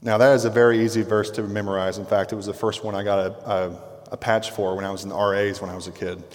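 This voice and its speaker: A pastor preaching a sermon in a conversational, emphatic way, dropping to quiet intensity on key words. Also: male voice, fairly low pitch, flat delivery, fast talker. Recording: long reverb from a hall.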